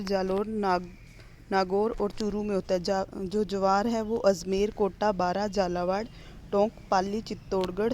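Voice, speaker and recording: A woman teacher, reading a primary school lesson aloud slowly and clearly, pausing between the items of each list. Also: medium pitch, a little mellow, slight background noise. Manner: slow, clear classroom reading with list-like pauses.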